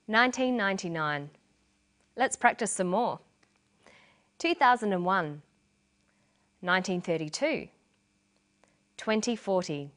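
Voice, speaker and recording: A woman reads a scripted English lesson. She speaks slowly and clearly, stressing key syllables so learners can follow. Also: mid-range voice. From Australia. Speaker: English teacher. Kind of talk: scripted language lesson narration.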